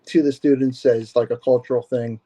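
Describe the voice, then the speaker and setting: A martial arts instructor guests on a podcast, chatting casually in a hesitant, easygoing way, full of fillers and restarts and quick to laugh. His medium-pitched voice is steady, mellow and a little fast.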